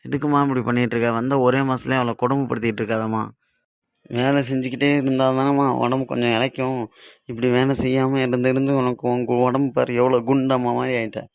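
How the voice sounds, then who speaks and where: A man voicing a calm cartoon husband. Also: medium pitch, fast talker, smooth, no room sound, clean studio sound, lightly acted. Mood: reasoning. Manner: reasoning, mildly scolding. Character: young husband and son, calm peacemaker who teases. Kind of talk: cartoon comedy voice acting.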